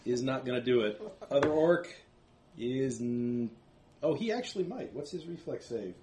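A jovial man narrating a tabletop game casually as game master, quick to laugh. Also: medium pitch, animated, mellow. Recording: echoey room, faint clicky noise.

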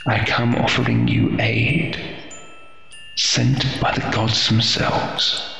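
Man voicing a slow, coaxing dark spirit in echoing gloom. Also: mid-range voice, level tone, gravelly, exaggerated voice. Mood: coaxing, sinister. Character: mysterious dark spirit voice, coaxing, sinister tempter. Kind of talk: tabletop role-play. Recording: dull, very echoey, music behind.

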